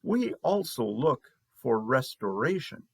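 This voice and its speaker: Male pastor preaching slow, gravelly husky voice, lively pitch, dry sound. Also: no echo. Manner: slow, measured preaching with long pauses. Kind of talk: sermon.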